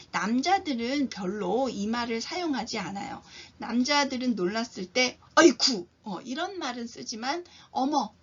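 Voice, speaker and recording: A woman with a fairly high, husky voice teaches a language lesson. She explains in a calm, steady way and acts out each sample exclamation with bright emphasis. The recording sounds dull and lo-fi.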